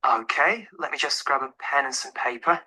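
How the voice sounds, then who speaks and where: A man acts out a phone dialogue as an easygoing young professional calling to rent a flat, speaking casually and informally. His mid-range voice is expressive, pushed, bright, and slightly rough, a full character voice at normal speed. The mood is casual and friendly.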